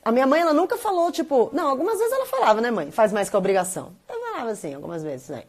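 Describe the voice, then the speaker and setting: Brazilian woman, thirties, casual live stream chat, lively and talkative, slightly high voice, acts out quotes. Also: racing. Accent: Brazilian Portuguese. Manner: chatty and animated, quoting others in playful voices.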